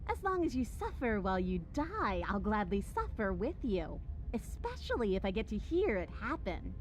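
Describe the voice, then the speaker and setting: An actress playing a spiteful, vengeful captive princess in a video game, with a taunting, theatrical delivery. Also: female voice, medium pitch, wildly swooping pitch, moderate pace, a little hiss or hum. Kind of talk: dramatic video game voice acting.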